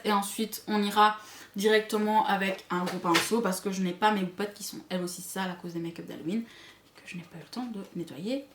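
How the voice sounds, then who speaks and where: A mid-range voice comes from a beauty vlogger, a woman with a Belgian or Swiss French accent, reviewing makeup to camera. She's chatty and aside-prone, and the echoey room has slight background noise.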